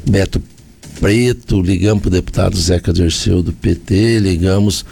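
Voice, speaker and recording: A man's voice: low voice, fairly even intonation, moderate pace, vocal fry, mellow, faint music behind. A man with a Brazilian accent, a mayor answering in a radio interview, explaining and listing points with repeated phrases.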